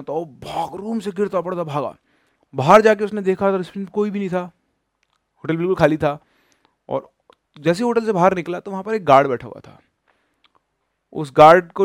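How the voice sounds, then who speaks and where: Male storyteller from rajasthan, dramatic spooky telling, bit high voice, dry close sound. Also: no echo. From Rajasthan, India. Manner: animated, dramatic, addresses listeners directly. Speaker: storyteller host.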